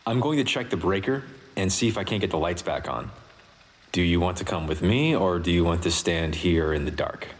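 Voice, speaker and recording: A deep-voiced American biker. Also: male voice, a little fast, husky. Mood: easygoing.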